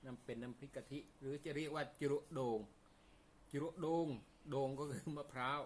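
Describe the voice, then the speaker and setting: A man's voice: mid-range voice, fairly even intonation, fast. A man from talks casually to viewers while eating, often with his mouth full, in a folksy, explanatory way. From Isan, northeastern Thailand. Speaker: food vlogger. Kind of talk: casual mealtime chat to viewers. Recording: clear background noise, birds chirping. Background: birdsong and ambient noise.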